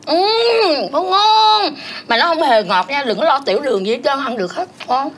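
A woman's voice: high voice, expressive, normal speed, a bit bright. A woman playing a fussy, melodramatic mother-in-law in a comic folk-opera sketch, scolding and wailing. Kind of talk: comic folk-opera acting, spoken and sung. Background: folk music.

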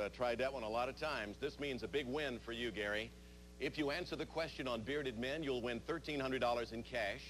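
A middle-aged man hosting a television quiz show, reading out questions to contestants in a studio. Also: mid-range voice. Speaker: game show host. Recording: noisy vintage TV tape.

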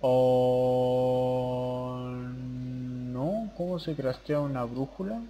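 A young man runs a gaming channel, chatting casually and muttering to himself as he plays through his gameplay commentary. His voice sits at a medium pitch and moves a little slowly.

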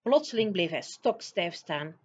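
A woman teacher reading a children's book aloud in a lively storytelling manner. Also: on the low side, measured pace, a little hiss or hum. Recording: dull lo-fi recording.

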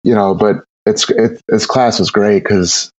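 A man's voice: on the low side, fairly even intonation, a little slow, dry recording, muffled recording. A man talking casually as a brewer guest on an interview podcast, rambling with many repeated words and fillers.

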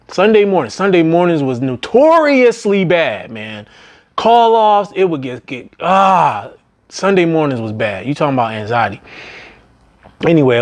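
Rambling, easygoing man telling work stories. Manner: loose, rambling delivery with frequent "man" and "right?" tags; slips into high, strained voices when quoting others. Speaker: business vlogger and former restaurant manager. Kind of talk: casual storytelling monologue.

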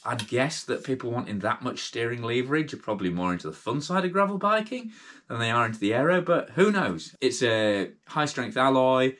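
In a workshop with bikes and a brick wall behind him, a British cycling channel host in middle age reviews gear late at night, sounding tired. His lowish, slightly bright voice rambles chattily with many fillers and restarts, in a British English accent.

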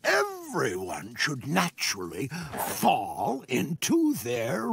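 A man voicing a gruff, scheming old Santa in a cartoon, blustery and theatrical. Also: medium pitch, huge pitch swings, slow, background noise, heavily acted. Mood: preachy showmanship. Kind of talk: animated cartoon voice acting. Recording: music underneath.

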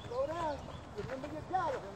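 A man's voice: extremely high pitch, animated, brisk. A man coaching boxers outdoors like a corner man, calling out short, repeated, commanding drill cues. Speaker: boxing coach. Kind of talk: shouted drill instructions to young fighters. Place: outdoors in a park by a lake. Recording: noisy outdoor recording with ambient sounds.

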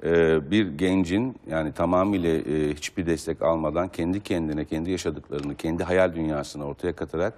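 A male stage actor on a talk show, speaking in a measured way with many pauses and fillers. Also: sits low, steady tone, darkish tone, in a large hall. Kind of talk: casual TV talk.

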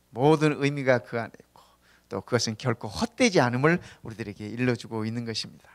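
A man's voice: mid-range voice, fairly bright tone. Conversational male pastor preaching. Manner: conversational, often asks the congregation for agreement; tells humorous stories. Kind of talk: sermon. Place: church sanctuary.

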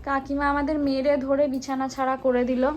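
A woman's voice: sits high, little pitch movement, normal speed, a little hiss or hum. A young woman narrating her family day at home to camera in a casual, chatty vlog style, talking to her viewers as guys. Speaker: family vlogger.

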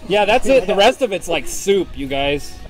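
A man's voice: high-pitched, sing-song, moderate pace, over music, rough recording. A man chatting casually outdoors as he takes part in a group food challenge. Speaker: challenge participant. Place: outdoor backyard patio among a group.

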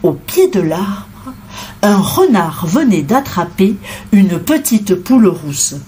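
Woman narrator, children's storybook read-aloud, lively sing-song intonation, slow pace. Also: medium pitch, slight background noise. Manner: expressive, unhurried, sing-song.

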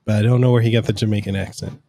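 This podcast co-host's voice is fairly low, gravelly and dark, with a steady tone and a rapid-fire pace. Recording at home on a studio mic on an arm with headphones, he chats casually, wandering through long filler-laden explanations, and there's no room sound.

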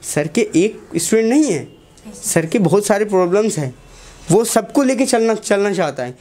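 A man's voice: high voice, animated, moderate pace, a little mellow. A young man, a teacher giving a motivational talk to students in a classroom, asking the class short questions and repeating key lines.

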